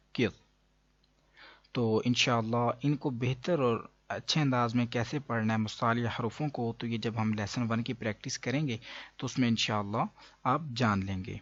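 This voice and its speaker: A man with a Pakistani Urdu accent teaching Quran reading, explaining patiently and drawing letters out slowly, with many hesitations. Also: medium pitch, dry recording, muffled recording. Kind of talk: explanatory lesson.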